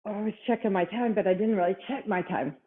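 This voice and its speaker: This woman coaches a workout at a fast clip, her mid-range voice counting reps, calling moves, and cheering participants on as she exercises alongside them. The recording sounds thin and phone-like.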